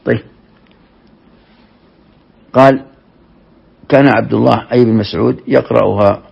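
A man teaching a measured classroom lesson on scripture commentary, explaining verses step by step with frequent restarts. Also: medium pitch, fairly even intonation. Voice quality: gravelly. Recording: dull lo-fi lecture recording.

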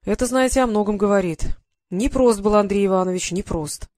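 An audiobook narrator reading a first-person historical story in a calm, measured way. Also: mid-range voice, no echo. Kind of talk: scripted narration.

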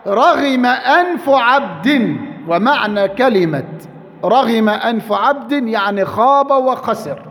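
An Egyptian man delivers a sermon in a strikingly high voice. He is emphatic, repeats his key phrases and drags them out for weight. His words ring out with a long reverb tail. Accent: Egyptian Arabic. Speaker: preacher.

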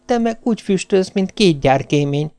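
A woman's voice: on the low side, expressive, dark tone, voice pushed up, lightly acted. A man voicing a frail, tiny, hypochondriac wife who speaks faintly, stammering and out of breath. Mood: faint, whimpering.

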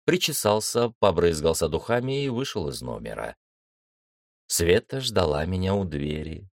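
A man reading a novel aloud as an audiobook narrator, expressive and shifting his tone for each character. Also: low-pitched, no echo, clean studio sound.

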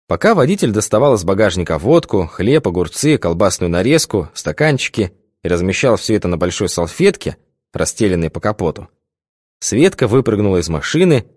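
A man narrates an audiobook with a low voice and a wide, lively pitch range. The reading is expressive and varied. The recording is close and dry. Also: no room sound. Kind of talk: scripted narration.

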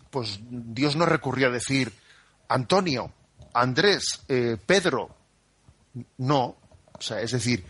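A husky-voiced man from Spain, a priest teaching the catechism over the radio. He explains things at an unhurried, chatty pace and peppers his sentences with little tags that check in with listeners. His voice sounds close and dry, with no room around it. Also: mid-range voice, fairly bright tone, dry recording. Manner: unhurried and conversational, full of "¿eh?" and "¿no?" tags. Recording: dry studio radio broadcast.

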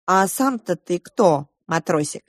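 A woman voicing a brash, teasing vampire man in a storybook reading, loud and drawn out. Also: lowish voice, lively intonation, unhurried, no echo, studio quality.

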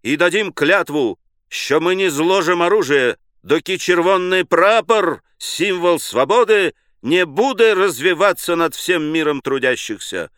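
A man's voice: high voice, expressive, measured pace, a bit bright, clean tone, dry recording, studio quality, voice pushed up. A man doing a fiery street orator. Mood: rousing. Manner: rousing, declaiming.

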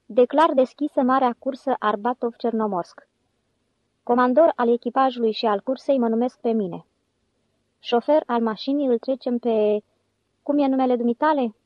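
A woman's voice: a little high, dry recording, lightly acted. Ostap, a solemn mock-official con man, as a woman reads him. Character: scheming cool-headed male con man leader. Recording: dull lo-fi audiobook recording.

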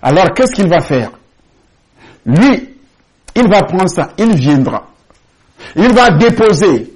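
A male pastor with a husky, slightly breathy voice pitched high for a man. He preaches in an emphatic storytelling way, driving points home by repeating key phrases, in what sounds like a large church hall. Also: sing-song, slow pace. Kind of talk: sermon with testimony.

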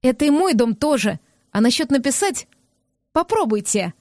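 A woman's voice: a little high, lively intonation, moderate pace, no room sound, studio quality, close to an everyday voice. A woman reading the part of a proud, stubborn young woman who answers back with indignation in an audiobook. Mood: indignant. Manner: indignant, sharp, defiant.

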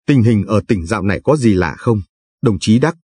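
A man's voice: lowish voice, lively intonation, moderate pace, mellow, breathy edge, no echo, clean studio sound. A man voicing a middle-aged provincial chairman who talks in an effusive, voluble way.

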